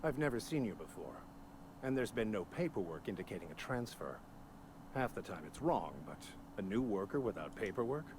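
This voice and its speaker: A stuffy male bureaucrat from a video game. He is pompous and dryly sardonic, with a lowish voice that moves around a lot, over clear background noise. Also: sing-song, brisk. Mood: condescending. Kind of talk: video game character dialogue.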